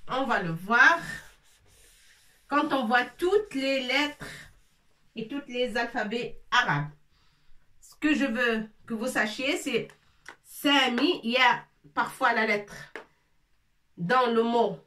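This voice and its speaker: A woman teaching a lesson in French, slowly drilling syllables as she writes on a board. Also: on the high side, pushed and bright. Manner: slow, repetitive, drilling syllables. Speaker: Arabic teacher. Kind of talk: casual classroom lesson, writing on a board. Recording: echoey room, mic at a distance.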